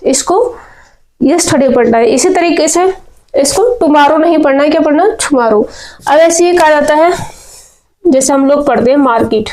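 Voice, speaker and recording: A woman's voice: sits high, moderate pace, darkish tone, rough recording. A woman teaching spoken English pronunciation, drilling words over and over and asking and answering her own questions.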